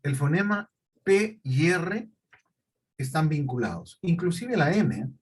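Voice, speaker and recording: A man teaching a class, explaining slowly and deliberately and checking often that his students follow. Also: fairly high pitch, big pitch swings, slightly rough, rough recording. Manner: questioning, repetitive explanations with check-ins. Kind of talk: classroom lecture.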